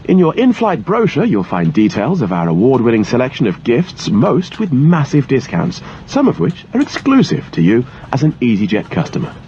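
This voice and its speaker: A man with a mid-range, warm voice reads a scripted cabin safety announcement formally and instructionally, his pitch swooping wildly. He keeps a moderate pace with hardly any pauses, and the lo-fi recording is muffled, with engine-like noise from the cabin.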